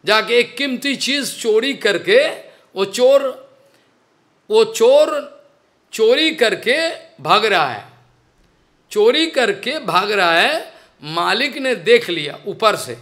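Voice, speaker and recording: Slow, bright-voiced man telling a story. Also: high voice. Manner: repeats phrases, explains slowly, mixes in English words. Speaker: spiritual teacher. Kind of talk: devotional storytelling lecture.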